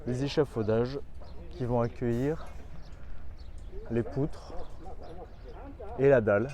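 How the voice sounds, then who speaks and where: Slow and mellow, with a medium pitch and fairly even intonation, a construction company guide gives a casual on-site tour of a building project. He explains the work with a few hesitant fillers.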